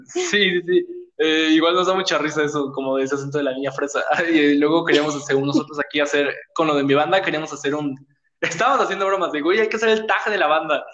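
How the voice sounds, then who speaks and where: A man's voice: fairly high pitch, steady tone, fast talker, fairly bright tone, highs cut off. A young man with a Mexico City accent hosting a casual podcast, slangy and laughing often. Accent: Mexico City Spanish. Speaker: podcast host.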